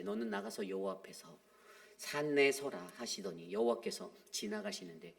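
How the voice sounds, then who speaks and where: A man's voice: mid-range voice, creaky. A man preaching a dawn-prayer sermon as pastor, earnest and conversational, acting out voices in the story. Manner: earnest preaching, acts out dialogue in conversational Korean. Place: church sanctuary.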